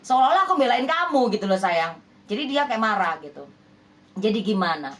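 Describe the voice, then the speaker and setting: A woman's voice: mid-range voice, big pitch swings, a little fast, a bit bright. A woman healer addressing her viewers in a relationship reading, emphatic and persuasive, with many rhetorical questions. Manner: scolding, persuasive. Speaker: spiritual healer giving love readings.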